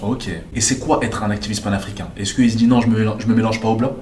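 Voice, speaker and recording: Low-voiced male interviewer in an echoey room. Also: fast, a little hiss or hum. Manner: relaxed, informal questioning. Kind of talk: casual conversational interview.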